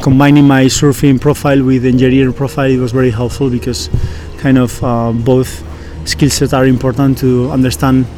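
Halting Basque-accented man, even pitch. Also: slight background noise. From Basque Country, Spain. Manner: hesitant, halting phrasing with frequent searching pauses. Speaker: professional surfer and engineer, interview guest. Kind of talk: conversational interview answers.

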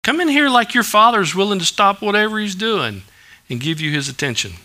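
A gentle, soothing Jesus, as a male preacher puts him on, speaks quietly and kindly within a sermon. The tone stays bright and a little high for a man. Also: lively intonation, fairly quick, exaggerated voice. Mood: calm reassurance. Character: gentle reassuring Jesus speaking to a frightened believer.

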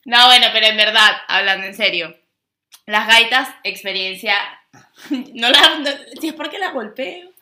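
Young woman, Venezuelan accent, playful co-host, very bright voice, echoey room. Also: a little high. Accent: Venezuelan Spanish. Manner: teasing, playful, quick interjections. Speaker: podcast co-host. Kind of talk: casual chat.

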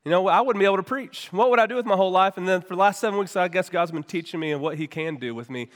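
Pastor preaching in a reverberant hall. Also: male voice, on the high side, fairly bright tone. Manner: earnest, conversational preaching with repeats and restarts. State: weak, worn voice after weeks of voice loss. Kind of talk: sermon. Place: church sanctuary.

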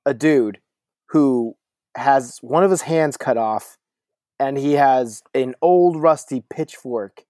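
A man co-hosting a casual podcast, talking excitedly and laughing often. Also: medium pitch, takes it slowly, no room sound, studio quality. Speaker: podcast co-host. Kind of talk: casual chat.

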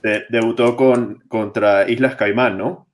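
Man co-hosting with quick remarks. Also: mid-range voice, steady tone, a little hiss or hum. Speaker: podcast host. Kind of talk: casual chat.

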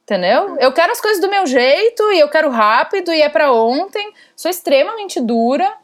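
A woman's voice: high-pitched, sing-song, normal speed. A woman in her thirties with a Brazilian Portuguese accent, giving a candid interview as a guest and talking bluntly and ironically with a fair bit of swearing. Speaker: podcast host as interview guest.

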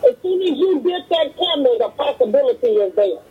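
A woman's voice: sits high, lively intonation, a little fast. Woman caller on a clipped phone line. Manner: bold, joking, plain-spoken. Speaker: radio show caller. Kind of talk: casual call-in banter. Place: in a car on her way to work.

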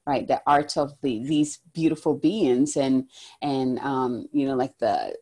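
A woman's voice: a bass voice, a little slow, mellow. A woman from Ghana speaking reflectively in a casual spiritual conversation, with many fillers.

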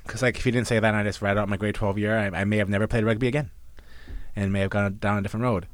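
A man's voice: on the low side, level tone, racing, dry recording. A man in his forties, a podcast co-host, chatting casually with lots of fillers, restarts and swearing. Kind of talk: casual chat.

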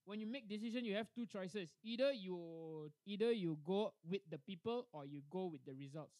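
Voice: mid-range voice, animated, normal speed, darkish tone, dry recording, clean studio sound. A host with a Malaysian English accent, moderating a playful mock debate in casual comedic podcast banter and often stumbling over words.

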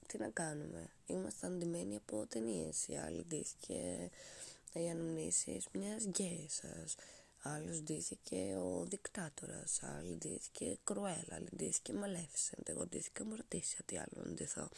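Young woman podcaster rambling sarcastic, gravelly and husky, half whispering, stuffy from a cold. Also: fairly low pitch, darkish tone. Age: young adult. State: congested after a cold. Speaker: podcast host. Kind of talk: casual monologue.

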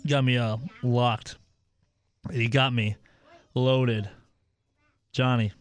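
A man's voice: medium pitch, fairly even intonation, extremely slow. A man hosting a casual sports podcast, joking around and hyping up a weekly picks segment. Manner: joking, hype segment host. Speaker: podcast host.

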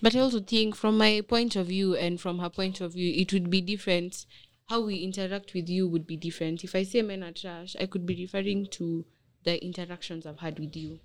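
Young woman, Kenyan accent, lower-than-average pitch, casual debate, opinionated, argumentative, mixes in Swahili. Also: steady tone, fairly quick.

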